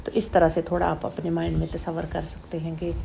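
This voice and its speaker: A woman teaching Quranic letter pronunciation, explaining slowly and demonstrating throat sounds with repeated drawn-out syllables. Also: low voice, monotone, vocal fry, mellow, slight background noise. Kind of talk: slow step-by-step pronunciation lesson.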